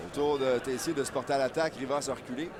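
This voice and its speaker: A man's voice: medium pitch, steady tone, racing. A man with a Quebec French accent calling a boxing match live in short, conversational bursts. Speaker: boxing play-by-play commentator. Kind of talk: live sports commentary. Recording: loud venue noise behind commentary.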